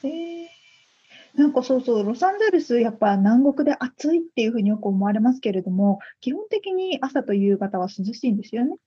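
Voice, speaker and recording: A woman's voice: fairly high pitch, big pitch swings, a little fast, breathy edge, muffled recording. A woman hosting a podcast in casual chat, chatty and laughing easily, with polite host phrasing.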